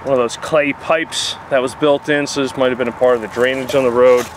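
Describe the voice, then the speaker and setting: Brisk and mid-range, with fairly even intonation, this man's voice comes with background noise. Out in the woods, the New Jersey-accented vlogger points his handheld camera at what he discovers and describes it casually in plain, filler-filled narration.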